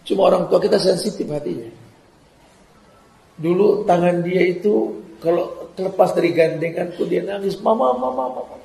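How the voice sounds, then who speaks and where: A man's voice: high voice, steady tone, normal speed, gravelly, dark tone. A man preaching an impassioned sermon, scolding his listeners with rhetorical questions and acting out family conversations. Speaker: Islamic preacher. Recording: roomy echoing sound.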